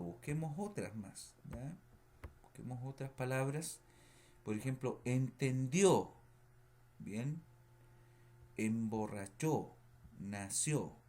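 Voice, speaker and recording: A man teaching a remote lesson, speaking slowly and patiently, repeating words and checking understanding with short questions, with keyboard typing behind him. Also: lowish voice, warm tone, slight background noise. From Chile. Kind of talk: recorded remote lesson feedback.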